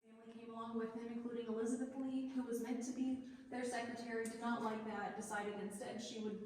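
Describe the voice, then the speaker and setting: A woman's voice: a little high, little pitch movement, fast talker, darkish tone. Woman guide with cave echo. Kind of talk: casual joking tour talk. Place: underground cave, indoors. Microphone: distant camera mic. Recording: echoey cave from far off, faint hiss.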